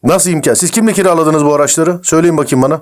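A man posing as a crime investigator on a prank call, firing accusations at a fast clip. His voice sits a little high for a man, and he pushes hard with every question. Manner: pushy, interrogating, rapid-fire.

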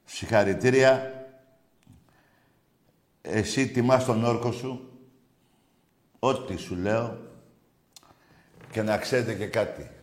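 A male sports call-in host who mocks and taunts rival fans, swearing freely as he rants. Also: lowish voice. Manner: mocking, provocative, swears freely. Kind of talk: sports radio rant. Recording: roomy echo.

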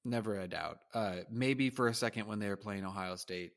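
A man's voice: lowish voice, normal speed. A man co-hosting a casual sports chat, running through records in a dry, matter-of-fact way. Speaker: co-host.

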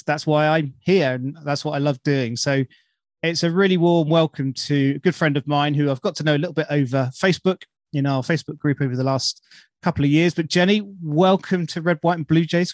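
A man's voice: a little high, dry recording, clean studio sound. A British man hosting a podcast in an informal, enthusiastic, chatty way. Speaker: podcast host. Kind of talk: casual chat.

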